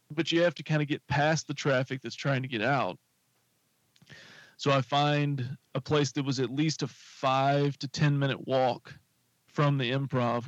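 A man's voice: mid-range voice, no echo, muffled recording. A man casually telling a long, rambling anecdote on a talk show, full of fillers and asides. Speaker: podcast co-host telling a story. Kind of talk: casual storytelling chat.

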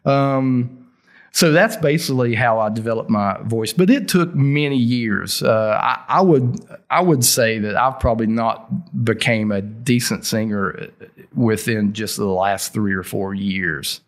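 A man's voice: medium pitch, a little slow. A middle-aged man with a thick Southern US accent, telling stories casually in an interview in informal, folksy language. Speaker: interview guest, heavy metal singer.

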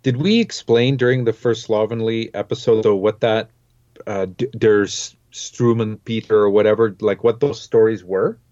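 This podcast co-host has a fairly low, darkish voice with a steady tone and a normal speaking speed. He rambles loosely and casually, dropping in plenty of fillers like "like" and "you know." The recording is dry, with no room sound, from a dull lo-fi mic.

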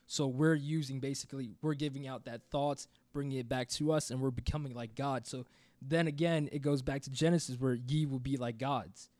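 A man at a middle pitch, talking through ideas on a podcast in a steady, reflective way. The sound is dry and close. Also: a little fast, no echo. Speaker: podcast co-host. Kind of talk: casual discussion.

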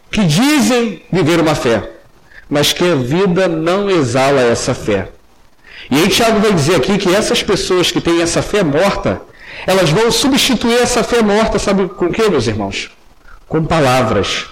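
A young man preaching a sermon earnestly, dropping low and soft when he addresses the congregation. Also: low-quality recording.

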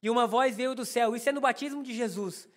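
A man's voice: very high voice, fast talker. A man with a Brazilian Portuguese accent preaching a sermon to his congregation. He tells a personal story with humor and speaks straight to the listeners. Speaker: pastor.

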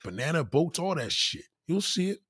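A man's voice: on the high side, normal speed, slightly rough, dry recording. A man rants bluntly and profanely to his live-stream viewers, reading out their comments. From New York. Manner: blunt, profane, animated street talk. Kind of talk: casual live-stream rant.

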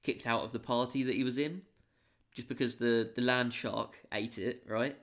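A man's voice: mid-range voice, fairly even intonation, moderate pace, fairly bright tone. A man, co-hosting a podcast and casually brainstorming a fantasy story, rambling with lots of fillers. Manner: rambling, many fillers and restarts. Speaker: podcast co-host. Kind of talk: casual worldbuilding chat.

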